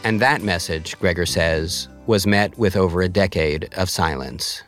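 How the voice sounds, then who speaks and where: Low-voiced man hosting a narrated story. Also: measured pace, a bit bright, faint music behind. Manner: curious, probing questions. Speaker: host. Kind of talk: narrated interview segment.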